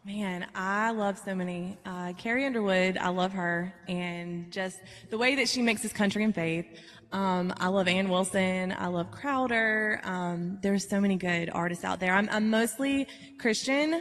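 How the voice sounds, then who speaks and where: A woman's voice: medium pitch, a little slow, a bit bright. A woman chatting casually in an interview, her voice carrying a big hall reverb effect from the live-stream mic. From southern Georgia, USA. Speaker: singer-songwriter guest. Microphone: live-stream call with reverb left on.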